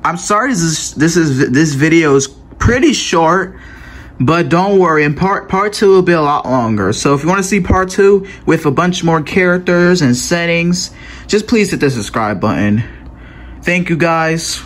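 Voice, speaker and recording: A man's voice: fairly high pitch, animated, normal speed, fairly bright tone. A man wrapping up his homemade cartoon video as channel host, talking casually and stumbling over his words.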